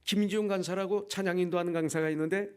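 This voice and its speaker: A man in his sixties preaches in a church, telling his own story as testimony. His voice sits a little high for a man, and it rises and drops as he acts out the dialogue in the story. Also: fairly even intonation, fast talker, darkish tone, smooth. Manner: storytelling testimony, acting out quoted dialogue with shifts in pitch and volume. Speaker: pastor. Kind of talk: sermon. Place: church sanctuary.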